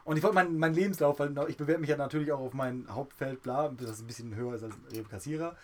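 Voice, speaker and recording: A man co-hosting a podcast in casual banter, rambling and joking as he talks. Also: fast. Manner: rambling, joking, lively swings in pitch. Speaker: podcast co-host.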